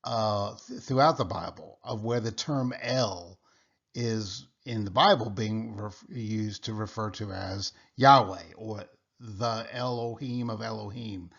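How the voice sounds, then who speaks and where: A man teaching a casual Bible study lecture, explaining step by step, often pausing with "uh" and restarting his sentences. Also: on the low side, creaky, fairly bright tone, dull audio. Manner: halting, with frequent "uh" and restarts; explanatory, checks in with "okay?".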